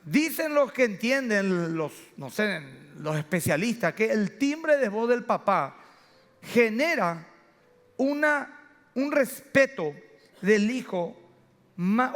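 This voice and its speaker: A man's voice: high voice, animated, slow pace. A middle-aged man preaching a sermon as a pastor, telling anecdotes and acting out family dialogues. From Paraguay. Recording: reverberant church hall.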